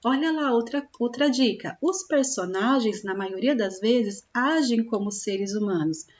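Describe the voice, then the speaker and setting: Woman teacher, lo-fi. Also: on the high side. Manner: slow, drawn-out sounding of syllables, with frequent check-in questions. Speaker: primary school teacher. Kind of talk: recorded classroom lesson for young children.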